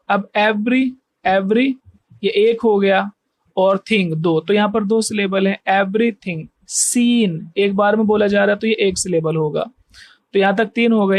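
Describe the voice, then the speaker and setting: A man's voice: high-pitched, no echo. A man teaching English poetry, patiently counting out syllables one by one and checking in with his listeners as he goes. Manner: slow, patient counting of syllables with frequent "theek hai" checks. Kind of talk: explaining poetry meter step by step.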